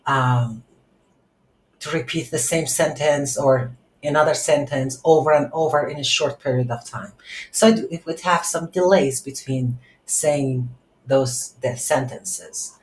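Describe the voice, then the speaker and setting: A tutorial instructor with a low voice narrates an unscripted software tutorial while she codes, speaking slowly and thinking aloud in halting pieces. The room gives her words a noticeable echo, and there is faint background noise.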